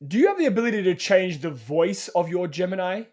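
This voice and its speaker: A man's voice: sits high, big pitch swings, brisk, a little mellow. A man hosting a casual podcast chat, joking and swearing freely. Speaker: podcast host.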